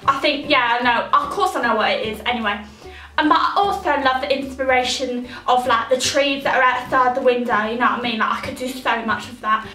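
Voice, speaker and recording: A woman puts on a boastful young female dancer in a comic skit, chatty and gushing. The voice is high and bright, and sounds roomy, a little away from the mic. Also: fairly quick, distant mic, faint music behind. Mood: gushing, rambling.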